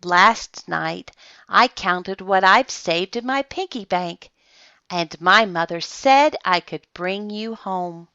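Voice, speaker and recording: A sweet, polite little girl, voiced by a woman storyteller, happy and sure of herself. The storybook delivery is bright and animated, recorded close and dry. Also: medium pitch, slow pace, clear, resonant tone, dry recording, dull audio, full character voice.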